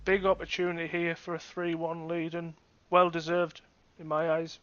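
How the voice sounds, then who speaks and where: A man's voice: fairly high pitch, completely flat delivery, moderate pace, a bit bright, clear, resonant tone. A man co-commentating live on snooker in a conversational way, often giving his own verdicts, on a dull lo-fi recording. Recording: dull, lo-fi microphone sound.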